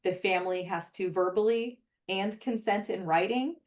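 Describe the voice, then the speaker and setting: A woman's voice: medium pitch, moderate pace, darkish tone. A woman giving a webinar presentation in an earnest, explanatory way, talking conversationally with many "um" fillers. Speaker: presenter for a forensic database program.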